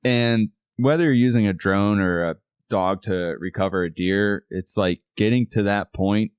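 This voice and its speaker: A man with a very low voice talks as a guest on a casual podcast. His speech is plain, folksy and informal. The recording is close and dry. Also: unhurried, clear, resonant tone, no echo, highs cut off.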